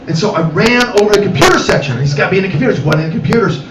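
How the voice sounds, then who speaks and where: A man performing animated stand-up comedy storytelling in a cafe, acting out characters as he goes. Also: high voice, very fast, a loud crowd. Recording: echoey cafe room, distant mic, loud noise.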